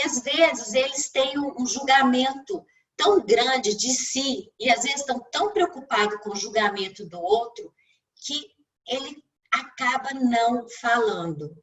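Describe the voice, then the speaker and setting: A woman's voice: fairly high pitch, a bit bright, recorded from a distance, low-quality recording. A speech therapist giving a didactic talk on a video call, with a Brazilian Portuguese accent, addressing her listeners directly. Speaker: speech therapist and communication mentor.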